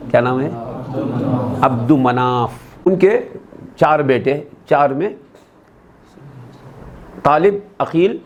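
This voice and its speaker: A man's voice: on the high side, slight background noise. A man giving a religious sermon at a gathering, asking the audience questions and repeating the answers, and acting out quoted dialogue in a raised voice. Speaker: Islamic scholar preaching.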